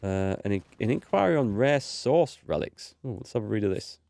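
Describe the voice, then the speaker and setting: Thinking aloud over his gameplay, a video host reads in-game text in a relaxed, easygoing manner. A lingering cold leaves his nose a bit stuffy, and his voice is on the low side, creaky, a little mellow and expressive, at a moderate pace. The recording has no echo.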